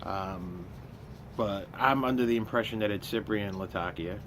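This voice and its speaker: Man, fifties, lower register, musing casual vlogger, pipe in mouth, light outdoor noise. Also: moderate pace, a bit bright. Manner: talks while smoking a pipe, often with it in his mouth. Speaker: pipe tobacco reviewer. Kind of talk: casual vlog chat. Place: outdoors by a house with trees. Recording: clear outdoor ambient noise.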